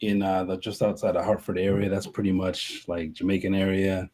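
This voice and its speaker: A man from Connecticut talks through his story as an interview guest, relaxed and easygoing. His voice sits very low and sounds dark and mellow. He is heard over a video call. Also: fairly quick, slightly rough. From Connecticut, USA. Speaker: guest, brewer. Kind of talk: casual interview.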